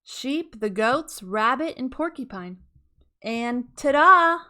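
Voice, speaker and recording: A woman's voice: a little high, animated, slow, sharp tone, pitched above the performer's own voice, heavily acted. A woman voicing a kindly, determined male moose husband, speaking in a hearty, coaxing and polite way for a storybook. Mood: proud.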